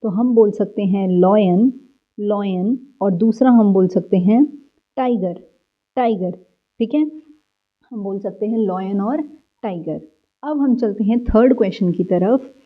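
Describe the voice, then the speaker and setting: A woman teaching young children a worksheet lesson, going slowly, repeating words and answering her own questions. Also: mid-range voice. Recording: slightly dull, lo-fi audio.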